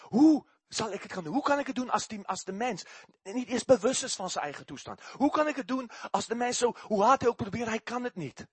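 Animated husky man preaching. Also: very high voice, brisk, no room sound. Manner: animated, repeats words when excited. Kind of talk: sermon with personal testimony.

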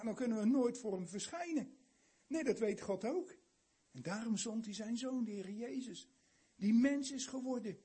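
A man's voice: extremely high pitch, mellow, slightly rough. An older man giving an earnest sermon, asking his listeners many questions. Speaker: preacher.

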